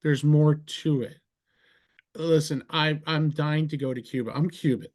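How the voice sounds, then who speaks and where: A man's voice: a little high, fairly even intonation, a little mellow. Chatty New Jersey-raised male host. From New Jersey, USA. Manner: enthusiastic, rambling, quick asides. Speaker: podcast host. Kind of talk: casual interview chat.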